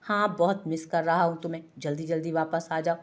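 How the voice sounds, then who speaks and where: एक महिला कथावाचक एक शरारती, चिढ़ाने वाले युवा पति की आवाज़ पढ़ती है।. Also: female voice, low-pitched, fairly even intonation, a little fast, lightly acted. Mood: playful. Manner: teasing, mock-innocent. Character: playful young husband teasing his wife. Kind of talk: audiobook character voice.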